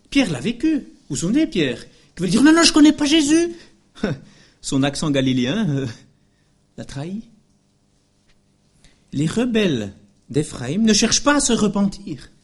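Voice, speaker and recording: A man preaching a sermon in an emphatic, lively way, often adding little asides and short laughs. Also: a little high.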